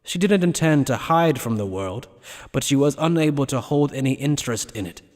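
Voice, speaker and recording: A man's voice: mid-range voice, animated, moderate pace, a little mellow. A man reading scripted story narration for an anime fan dub. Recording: long reverberant hall effect.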